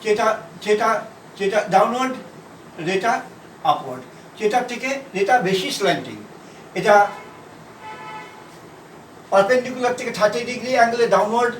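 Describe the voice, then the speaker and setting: High-voiced man teaching shorthand from afar. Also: a little hiss or hum. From India. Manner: repetitive, halting, spells out letters. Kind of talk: classroom explanation. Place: classroom. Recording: echoey room from far off.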